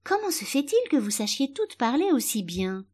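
Alice, a curious and well-mannered young girl, as a woman reading aloud puts her on, asks earnest questions in a raised, lively storybook voice. Her pitch leaps and falls with wonder, always polite. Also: normal speed.

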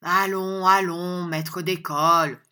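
A woman's voice: lowish voice, fairly even intonation, slow. A woman voicing a bluff, hot-tempered honest country man who blusters and defies his opponent in a storybook reading. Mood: jovial. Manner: loud, blustering and defiant.

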